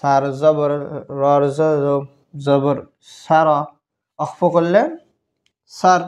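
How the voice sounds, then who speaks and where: A man gives a recitation lesson, spelling out each syllable and chanting every word again and again. His voice sits somewhat high, and he moves at an unhurried, very slow pace. Long vowels are drawn out in a patient teaching drill. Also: steady tone, darkish tone. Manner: drills syllables slowly, repeating each word many times.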